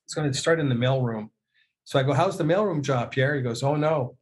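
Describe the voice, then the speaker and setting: A middle-aged Canadian man with a mid-range voice speaks briskly on a video call from an indoor room. He's a guest, a music producer and audio mixer, telling casual anecdotes and animatedly acting out bits of dialogue as he goes.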